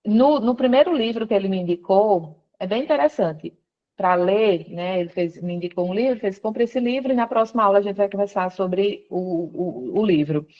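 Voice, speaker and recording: A woman's voice: mid-range voice, normal speed, muffled recording. A woman, a guest on a call from her workplace, telling her conversion story and acting out what others said. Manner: storytelling, quoting others with lively voice shifts. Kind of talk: conversion testimony interview.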